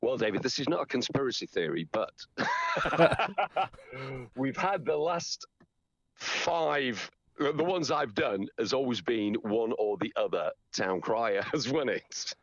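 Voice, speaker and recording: A middle-aged man chatting casually as an interview guest, telling anecdotes in an animated, storytelling way. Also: mid-range voice, unhurried, no echo, highs cut off. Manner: chatty, animated storyteller who acts out quotes. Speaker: interview guest, champion town crier.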